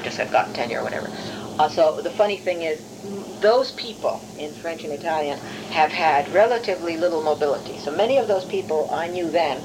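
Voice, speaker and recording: A middle-aged professor from Hungary, speaking English as a non-native, looks back on her academic career in an oral history interview, careful and discursive with frequent self-corrections. Her pitch is low, and background noise is present.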